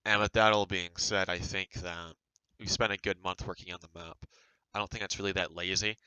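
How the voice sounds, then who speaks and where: A man's voice: low voice, steady tone, fairly quick, bright, forceful tone, clear, resonant tone, no room sound, poor audio. A man giving casual, rambling, defensive commentary as a game developer reacting to a review.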